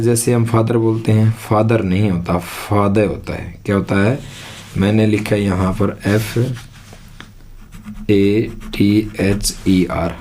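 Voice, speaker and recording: Man, teacher, lowish voice, repeats words, quizzes himself. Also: dark tone, a little hiss or hum. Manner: repeats words, asks and answers own questions. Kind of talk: classroom lesson with board.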